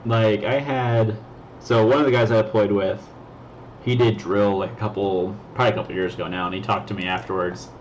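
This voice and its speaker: A laid-back man chats casually with a friend, slangy and quick to laugh, his voice sitting a little low. The sound is a bit dull and lo-fi, with a faint hiss behind it. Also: steady tone. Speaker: co-host. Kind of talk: casual chat.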